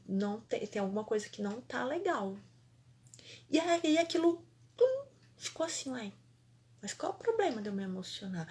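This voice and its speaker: A woman, a holistic therapist telling a personal story in an animated, emphatic way, repeating phrases for effect. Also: a little high.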